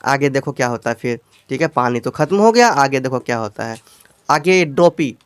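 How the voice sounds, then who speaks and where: A man with a Hindi accent teaching English from a storybook, reading each English line very slowly and explaining it again, often asking his students questions. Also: medium pitch, lively intonation, clear, resonant tone, no room sound, clean studio sound. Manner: reads English lines very slowly, word by word.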